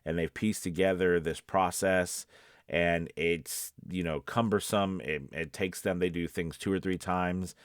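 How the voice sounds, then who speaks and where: In a dry, studio-quality recording, a man with a deep voice speaks a little slowly and with fairly even intonation. He's a voice-over coach and casting professional giving casual, conversational advice to camera, repeating his points for emphasis.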